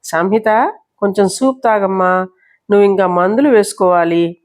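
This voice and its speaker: A woman's voice: mid-range voice, moderate pace, darkish tone, natural voice. A woman voicing an anxious devoted old servant. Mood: coaxing. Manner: worried, pleading, tender.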